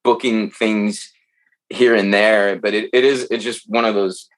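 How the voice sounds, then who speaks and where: A man talking as a podcast guest, telling stories in a loose, animated way and swearing freely. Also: lowish voice, unhurried. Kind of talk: casual chat.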